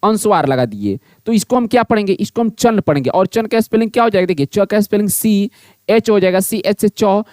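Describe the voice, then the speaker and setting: A man teaches a blackboard lesson. He keeps asking the class a question and answering it himself in a repetitive drill. His voice sits high and sounds dry and close, with no room echo. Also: lively intonation, a little fast, darkish tone.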